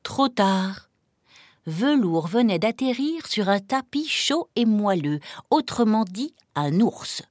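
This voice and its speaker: Woman reading a kids story, lively up and down voice, dry close sound. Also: medium pitch, slow pace, no room sound. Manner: expressive, gentle reading. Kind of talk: storybook narration.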